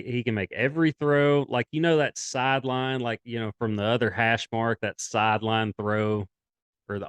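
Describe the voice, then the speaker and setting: A man's voice: on the low side, smooth, dry recording. A young man co-hosting a sports podcast, chatting casually and rambling through his takes. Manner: rambling, animated, quotes others in put-on voices.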